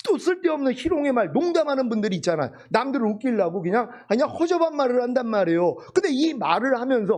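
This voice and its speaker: A man preaching with a high, bright pitch that leaps up and down with animation. He drives his points home emphatically, asking his congregation question after question. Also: sing-song, fast, hardly any pauses. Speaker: pastor. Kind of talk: sermon.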